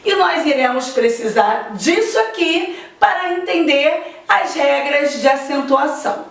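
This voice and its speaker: A woman teacher gives a slow, deliberate grammar lesson and stretches out her example words. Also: high voice, lively intonation, distant mic. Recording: echoey room, voice off-mic.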